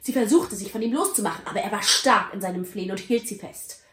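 A woman narrating a story aloud with a dramatic, expressive reading. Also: mid-range voice, quick pace. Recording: roomy echo.

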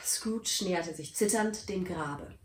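A woman narrating a story aloud with a dramatic, expressive reading. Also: fairly low pitch, slow pace, slight background noise. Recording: roomy echo.

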